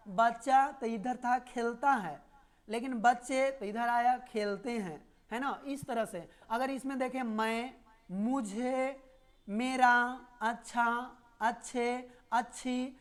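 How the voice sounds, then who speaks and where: Hindi teacher woman. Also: a little high. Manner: explains with memory stories and repeats key words. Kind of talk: live online class lesson.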